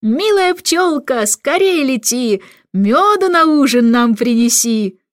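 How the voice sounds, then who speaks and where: A cheeky, carefree idler turned court jester chirps in a high, singsong voice, as a woman puts him on. The sound is close and dry, with no room behind it. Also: sing-song, a little slow, fairly bright tone, no room sound, heavily acted. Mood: merry singing.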